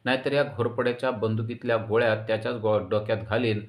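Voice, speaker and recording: A hot-headed young hero hurls defiant threats in a fairly low voice, read out by a man narrating a serial recap. It is delivered as a plain recap voice-over. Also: steady tone, quick pace, natural voice. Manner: angry, threatening. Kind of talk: recap voice-over reading dialogue.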